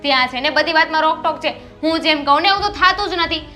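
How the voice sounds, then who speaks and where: Brief: actress as a domineering sister-in-law, high and bright, scolding. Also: female voice, fast talker, soft background music. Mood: angry. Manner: scolding, sharp and demanding. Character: bossy young sister-in-law, quarrelsome. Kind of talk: family drama acting.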